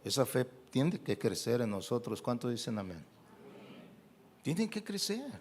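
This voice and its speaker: A man with a Mexican Spanish accent preaching a sermon as a pastor, animated and full of rhetorical questions to the congregation. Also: medium pitch, a little slow, slight background noise. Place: church.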